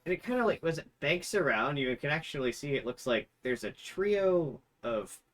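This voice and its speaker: A man's voice: a little high, very animated, normal speed, a bit bright. A man narrating a tabletop game as game master in a casual, loosely improvised conversational way. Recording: faint background noise.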